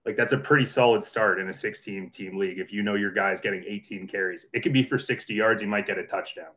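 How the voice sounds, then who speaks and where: Low-pitched man rambling through his points. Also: quick pace, a bit bright. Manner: rambling, stammering restarts. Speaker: podcast panelist. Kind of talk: casual fantasy sports chat.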